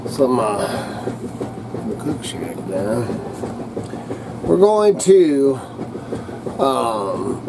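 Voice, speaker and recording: Older redneck guy ranting slow n halting, bit slurred, folksy and coarse, noisy rumble behind him. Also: big pitch swings, vocal fry. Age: middle-aged or older. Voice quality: slightly slurred speech. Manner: halting, drawn-out, searching for words. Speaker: vlogger. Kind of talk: casual rambling rant to camera.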